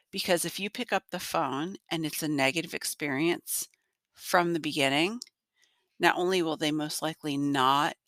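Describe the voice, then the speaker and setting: A woman in her forties hosts a solo business podcast, her voice bright and a little nasal and gruff from congestion. She talks straight to her listeners with direct, encouraging advice, close to the mic in a dry, dead space. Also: deep voice, no room sound. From North Carolina. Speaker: podcast host.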